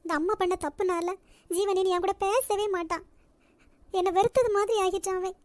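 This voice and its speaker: A woman voicing a pleading, lovesick young woman in a cartoon, with a Nagercoil Tamil accent and a soft, pleading manner. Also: very high voice, fairly even intonation, normal speed, no echo, clean studio sound. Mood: worried. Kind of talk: cartoon voice acting.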